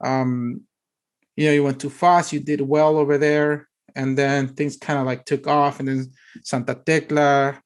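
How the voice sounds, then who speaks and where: An American man hosts a podcast and runs a casual interview, asking rambling questions with lots of restarts. He used to be a player agent. His medium-pitched voice is smooth and unhurried, with little movement in pitch.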